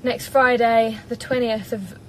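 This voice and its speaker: A woman's voice: fairly high pitch, fairly even intonation, a little slow, slight background noise, poor audio. A woman in her twenties with an English accent, chatting casually to a live-stream audience from a parked car, speaking into a propped-up phone. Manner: chatty, bubbly, giggly. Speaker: singer doing a live stream. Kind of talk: casual live-stream chat reading comments. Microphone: phone propped up in front.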